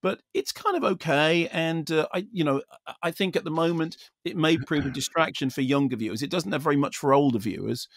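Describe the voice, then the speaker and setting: A man's voice: on the high side, a little fast, dry recording. A British man giving a spoken film review as a critic, discursive and opinionated.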